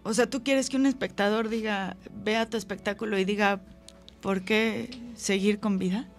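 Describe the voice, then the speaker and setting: A woman's voice: mid-range voice, fairly even intonation, moderate pace, soft background music. A woman hosting an interview, asking probing and personal follow-up questions. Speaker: interview host.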